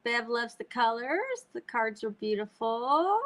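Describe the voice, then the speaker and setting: Southern woman, Texan twang, slightly high voice, casual craft-stream host. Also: very animated, a little slow, fairly bright tone. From North Texas, USA. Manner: chatty, folksy, talks to viewers as y'all. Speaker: host demonstrating card making.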